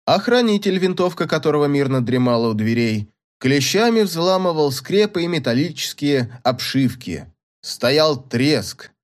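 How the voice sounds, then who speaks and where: A man narrating classic prose as an audiobook, telling the story in an expressive, dramatic way. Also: on the high side, unhurried.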